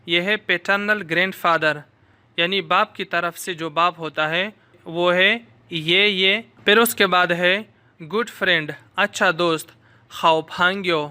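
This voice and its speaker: A man from Pakistan, teaching a recorded language lesson and repeating each word slowly for students to echo. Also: high-pitched, pushed and bright, clear, resonant tone. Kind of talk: recorded lesson, slow drilled pronunciation.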